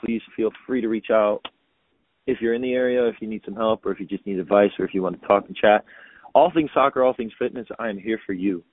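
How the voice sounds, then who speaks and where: A man in his thirties, a pro soccer player talking as a podcast guest, halting and repeating words as he thinks. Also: lowish voice, no room sound. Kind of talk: casual podcast interview. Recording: tinny phone-like audio, dry.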